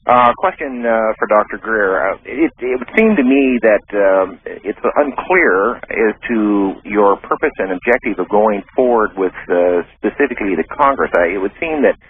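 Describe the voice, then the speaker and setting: A man calling in to a radio show over the phone, asking a question in a measured, formal way. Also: on the low side, lively intonation, slightly rough. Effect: heard over the phone. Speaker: radio call-in caller. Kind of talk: call-in question to a guest. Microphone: telephone handset. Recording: tinny, narrow phone line on air.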